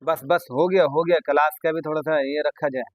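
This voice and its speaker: A man's voice: a little high, steady tone, no echo, low-quality recording. A man with an Urdu accent teaching a classroom grammar lesson, repeating points and questioning his students. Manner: repetitive, questioning students, drawn-out explaining.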